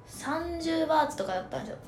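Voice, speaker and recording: A young woman with a Kansai accent, telling a lively story in casual chat with plenty of laughs and fillers. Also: high-pitched, racing. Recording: roomy echo with faint background music.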